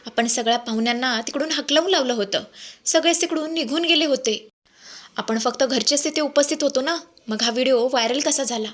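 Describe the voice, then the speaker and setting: A woman's voice: sits high, brisk. A woman voicing a distressed, protective middle-aged mother-in-law facing reporters. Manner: pleading, then firm.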